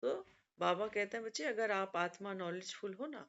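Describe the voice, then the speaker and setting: A woman's voice: mid-range voice, normal speed, fairly bright tone. A woman giving a devotional talk in a storytelling way, often quoting teachings and adding conversational asides. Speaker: spiritual speaker. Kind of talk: devotional discourse. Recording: muffled lo-fi recording.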